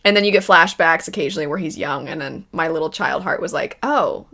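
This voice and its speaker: A woman's voice: low voice, quick pace, gravelly, sharp tone. A woman hosting a casual chat, thinking aloud in a wavering, self-deprecating way. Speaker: video host. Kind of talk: casual chat, playing a pick-one game about video game characters.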